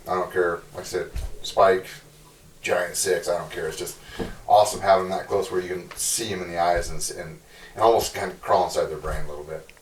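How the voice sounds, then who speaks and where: A man's voice: low voice, echoey room, far from the mic, poor audio. A man reflecting casually in an earnest way, repeating words as he gathers his thoughts. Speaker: guest hunter.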